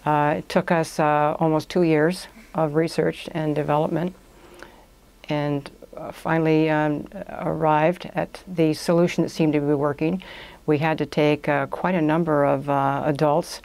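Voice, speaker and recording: This guest, a language institute owner in her 60s or 70s, explains things step by step during a studio interview recorded in a small indoor podcast space. She has a deep, slightly mellow voice, speaks at a measured pace, and keeps her delivery flat. Her answers stay conversational throughout.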